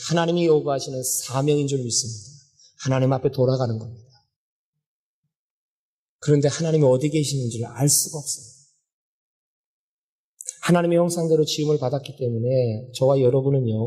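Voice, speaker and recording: Husky-voiced preacher man, lively storytelling. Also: fairly high pitch. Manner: lively storytelling preacher, asking the congregation questions and acting out quotes. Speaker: pastor. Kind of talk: sermon.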